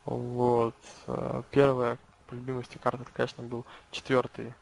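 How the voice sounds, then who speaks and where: A man's voice: medium pitch, monotone, normal speed, vocal fry, darkish tone, low-quality recording. A man doing casual live game commentary as a match caster, with a lisp that turns his s into a slushy sh.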